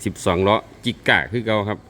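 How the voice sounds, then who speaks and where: A man's voice: lowish voice, fairly even intonation, quick pace, bright, forceful tone. Isan man, rambling and chatty, talks straight to viewers, faint noise behind. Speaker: owner of a mobile sound truck band. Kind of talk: casual vlog update.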